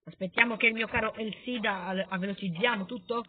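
A man with a high voice gives let's play commentary on a strategy game. He gets excitable and bursts into dramatic rants at the enemy. The sound is tinny and phone-like. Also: fairly quick, husky. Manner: excitable, with dramatic outbursts at enemies. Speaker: gaming channel host.

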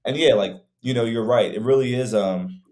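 A mid-range, slightly mellow voice moves at a moderate pace. Its owner, a young fitness coach, co-hosts a casual podcast over video call from his home, rambling reflectively and filling gaps with many fillers.

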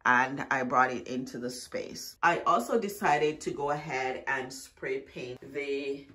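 A woman narrating her home makeover in a chatty, relaxed way, talking straight to her viewers. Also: very deep voice, unhurried. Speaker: DIY vlogger. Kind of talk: casual voice-over narration.

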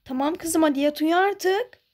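A woman voicing a worried middle-aged mother who calls out loudly and fusses. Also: very high-pitched, normal speed. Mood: soothing.

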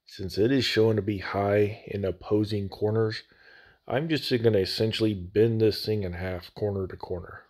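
This man speaks at normal speed in a lowish, darkish voice with fairly even intonation. Hosting his scale model building channel, he narrates a practical hobby tutorial casually and plainly, with a folksy touch, through a slightly echoey phone microphone.

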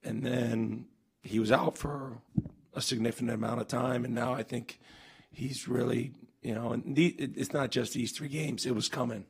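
At the postgame press conference, this forties-aged coach speaks at a normal speed in a steady, medium-pitched voice with a slight roughness. Sitting at a table mic on a stand, he answers with earnest, emphatic bursts, frequently restarting and adding fillers.

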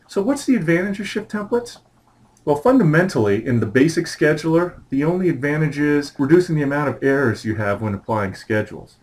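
A man hosting a short screencast tutorial on scheduling software, talking in an upbeat, chatty and playful way as a trainer. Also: mid-range voice, rough recording.

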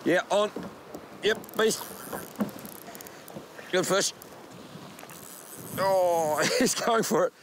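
A man with a broad New Zealand accent chatting casually and excitedly while out fishing as a presenter. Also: high-pitched, drawn-out words, long pauses. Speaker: kayak fishing show presenter. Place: outdoors on the sea, in a kayak or small boat. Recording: outdoor boat and water noise.

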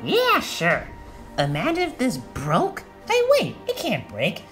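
Feisty young girl guard , a woman voicing her, bouncy, yelps when angry, very wide pitch swings. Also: huge pitch swings, slow pace, a bit bright, soft background music, full character voice. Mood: playful. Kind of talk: amateur toy-movie voice acting.

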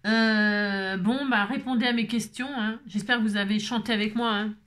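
A woman's voice: medium pitch, fairly even intonation, normal speed, a bit bright. A woman craft vlogger chatting casually and playfully, tagging "hein" onto her sentences and breaking into bits of song. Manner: bubbly, chatty, playful, sings snippets; repeats "hein" constantly. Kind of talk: casual chat.

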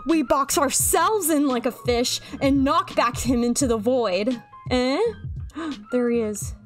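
A woman giving playful, excitable commentary over her gameplay, talking to her viewers. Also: high-pitched, slow pace, soft background music. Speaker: gamer.

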